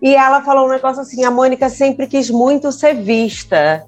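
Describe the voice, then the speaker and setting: A woman's voice: sits high, normal speed, soft background music. A Brazilian woman hosting an interview, attentively recapping what her guest's family told her. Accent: Brazilian Portuguese. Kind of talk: interview questions.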